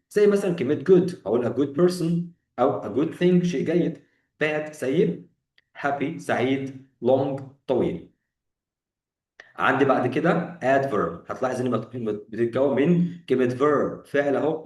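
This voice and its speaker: A man's voice: mid-range voice, darkish tone, roomy sound, recorded from a distance. A man with an Egyptian Arabic accent teaching beginner English grammar. He asks questions and then answers them himself, and he mixes English terms into his explanations.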